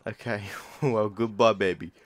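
A man's voice: on the low side, steady tone, measured pace. A man streaming a horror game, reacting jumpily and swearing constantly as he plays. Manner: swears a lot, jumpy reactive outbursts. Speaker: gaming streamer. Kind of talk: horror game let's play commentary.

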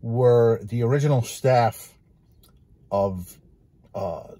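A man's voice: mid-range voice, extremely slow, dark tone. A man hosting a casual food review vlog, talking about pizza with enthusiasm and repeating his phrases for emphasis.

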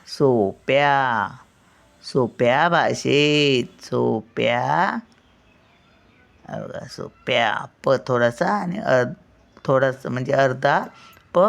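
An older woman teaches spelling to children at a very unhurried pace. Her voice carries a gravelly rasp, and she patiently breaks each word into its syllables. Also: extremely low pitch. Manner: patient, sounds out words syllable by syllable. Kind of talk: slow spelling lesson for children.

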